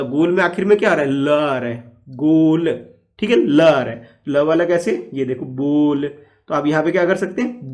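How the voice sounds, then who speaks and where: A man's voice: fairly high pitch, a little mellow. Patient man teaching young children. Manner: patient, repeats "ठीक है" often. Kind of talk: class 1 lesson explanation.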